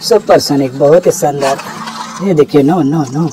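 A man hosting a toy video, narrating his play with cars and figures in an excited, repetitive, exclamatory way. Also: a little high, normal speed, background noise. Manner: exclamatory, repeats words to show excitement.

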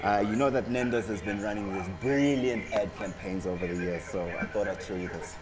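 An actor playing a self-satisfied male executive pitching an idea in a screen comedy-drama. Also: fairly quick, lightly acted.

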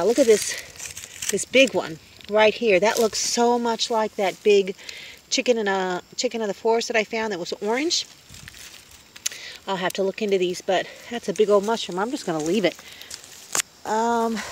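A woman's voice: medium pitch, slight background noise. Chatty woman on an outdoor phone walk. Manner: chatty, wondering aloud, easily delighted. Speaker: vlogger. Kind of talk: casual walk-and-talk vlog. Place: outdoors in woods and fields. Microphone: handheld phone camera.

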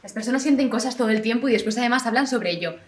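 A young actress playing a young woman who feels nothing, speaking in a quiet, detached monologue. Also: fairly high pitch, very fast, natural voice. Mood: wry, reflective. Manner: quiet, hushed and detached delivery. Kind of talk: theatrical monologue. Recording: voice from a distant mic.

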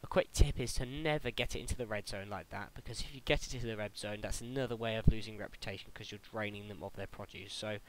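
Young British male tutorial host, lowish voice, chatty and a bit stumbly, faint hiss on the mic. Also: fairly even intonation, quick pace, hardly any pauses, poor audio. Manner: chatty, stumbles and restarts, laughs at own slips. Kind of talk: casual game tutorial voice-over.

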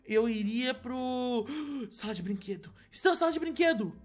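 A man's voice: very high voice, expressive, faint music behind. Guy brasileiro agitado de voz bem alta. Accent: Brazilian Portuguese. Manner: fast, panicky, exclamatory. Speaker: host, gamer. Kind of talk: excited Minecraft role-play.

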